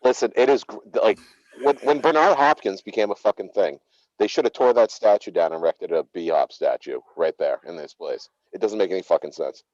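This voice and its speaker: A man from Massachusetts, co-hosting a sports show over a video call with gruff, profane, sarcastic ribbing. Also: low voice, brisk, darkish tone, dry recording. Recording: dull lo-fi video call audio.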